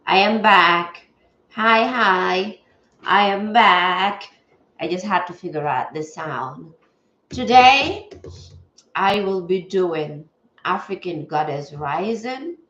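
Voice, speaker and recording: A woman with a low-ish, slightly bright voice and lively intonation speaks slowly while hosting a casual livestream from a home table setup. Stuffy-nosed and chatty, she greets viewers as she talks; the room is echoey and the sound dull and lo-fi.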